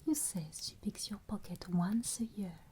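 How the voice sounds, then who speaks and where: A woman playing a solemn, gently admonishing female Christmas spirit in a whispered ASMR roleplay, telling things in a hushed, storytelling way. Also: mid-range voice, normal speed, slight background noise, natural voice. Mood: gently merry.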